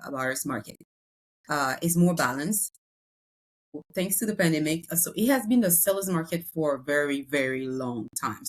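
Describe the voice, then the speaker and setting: Raised in France and originally from Congo, this woman speaks with a French accent in a lowish voice. She's a real estate broker talking at length in a podcast interview, full of fillers and restarts.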